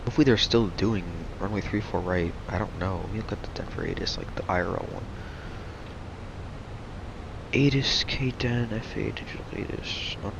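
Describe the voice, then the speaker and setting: On a flight simulator live stream, a young man talks at normal speed in a low-leaning, gravelly voice. He's relaxed and rambling, noting that his voice is going. The audio comes through muffled and noisy.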